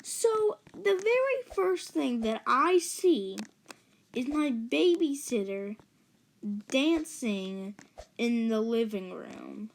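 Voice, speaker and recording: Female gamer, storytime narration, unhurried and rambling, slightly high voice. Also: big pitch swings, creaky, a little hiss or hum, poor audio. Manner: rambling, chatty, gasps for effect. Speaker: gaming channel storyteller. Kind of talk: casual story narration over gameplay.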